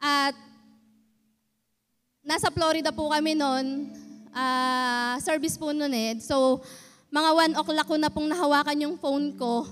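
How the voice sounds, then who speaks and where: A woman giving a nervous, halting, earnest personal testimony at a church service. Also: high voice, fairly even intonation, fairly bright tone. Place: church hall. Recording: reverberant church hall.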